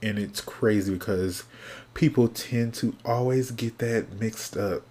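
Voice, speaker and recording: A man hosting his own podcast alone, chatting casually and sassily from topic to topic, sounding sleepy and yawning, often trailing off into quiet mumbles. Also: fairly low pitch, unhurried. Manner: chatty, sassy, drifting between topics. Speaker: podcast host. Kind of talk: casual solo podcast chat.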